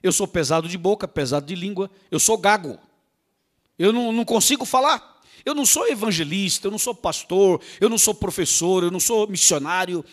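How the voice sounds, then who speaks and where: A man's voice: sits high, a little fast, lightly acted. Man acting out a whiny, reluctant old prophet. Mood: pleading. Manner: excuse-making, whiny.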